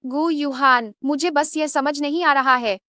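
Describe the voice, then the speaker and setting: A woman's voice: sits high, steady tone, measured pace, pushed and bright, no echo, clean studio sound. A woman voicing a spoiled, scheming rich young woman in a Hindi dub, haughty and whiny.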